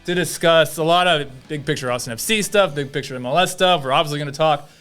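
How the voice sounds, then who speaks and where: A man's voice: on the high side, fast, a bit bright, smooth, soft background music. A man hosting a podcast, upbeat and conversational as he steers the talk. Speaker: podcast host. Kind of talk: casual podcast chat.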